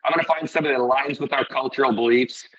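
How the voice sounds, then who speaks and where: A man's voice: medium pitch, very fast, fairly bright tone, slightly rough, dull audio. A middle-aged man from Iceland who owns a restaurant and brewery, talking casually in an interview, rambling and earnest with many restarts.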